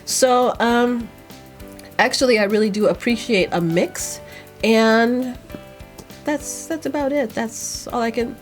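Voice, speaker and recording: A woman's voice: fairly high pitch, takes it slowly, soft background music. Chatty woman vlogger with a stuffy cold. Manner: rambling, chatty, with fillers. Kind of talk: casual chat.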